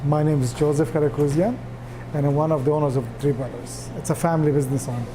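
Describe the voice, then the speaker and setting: A man's voice: on the high side, fairly even intonation, fast talker, background noise. A man from Lebanon, a restaurant owner talking earnestly in a news feature interview. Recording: music bed under voice. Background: music.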